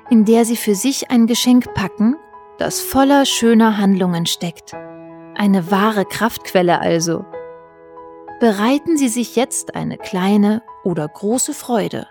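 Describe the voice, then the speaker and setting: Mellow, slow woman guiding a relaxation. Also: fairly high pitch. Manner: slow, soothing, measured. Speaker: guided relaxation narrator. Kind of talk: scripted guided meditation narration. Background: music.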